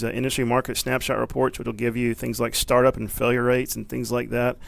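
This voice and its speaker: A man in his thirties, a business librarian, walking through a research database in a relaxed tutorial with plenty of fillers, recorded in an office at a desk camera. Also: mid-range voice, creaky, dry recording. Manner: relaxed, filler-heavy explaining. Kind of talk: screencast tutorial walkthrough. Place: office with bookshelves.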